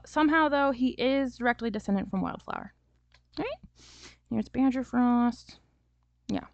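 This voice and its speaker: Chatty woman author, slightly high voice. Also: vocal fry, no echo, highs cut off. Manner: chatty and loose, with many fillers and small laughs. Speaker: self-published author. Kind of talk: casual vlog talk.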